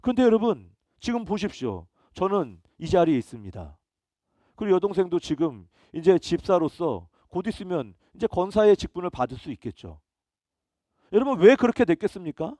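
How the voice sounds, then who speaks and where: Lively high-voiced male pastor preaching. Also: normal speed, no room sound, clean studio sound. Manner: emphatic preaching with rhetorical questions. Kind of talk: sermon.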